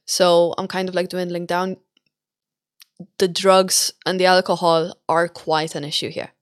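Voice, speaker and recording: A woman's voice: fairly low pitch, flat delivery, measured pace, dry recording, clean studio sound. A young woman from Malta hosting an interview as a casual, informal chat. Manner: informal, mild swearing. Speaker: podcast host.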